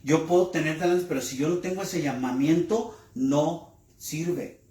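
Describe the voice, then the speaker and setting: A male pastor delivering a sermon, speaking deliberately, asking rhetorical questions and repeating key words for emphasis. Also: a little high, warm tone, reverberant. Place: church.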